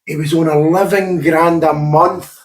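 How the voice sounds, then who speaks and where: A Scottish man hosts a casual podcast chat, talkative and quick to swear. His voice sits a little high for a man. It rings back off the walls of an echoey room. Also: steady tone. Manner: chatty, swears freely. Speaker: podcast host and gym owner.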